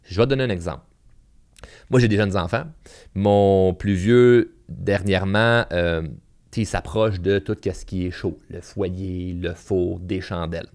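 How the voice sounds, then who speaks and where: A man's voice: deep voice, measured pace. Podcast host, male, Quebec French accent, casual storyteller with lots of fillers. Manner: animated storyteller with many fillers and repeats. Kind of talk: casual podcast talk with anecdotes.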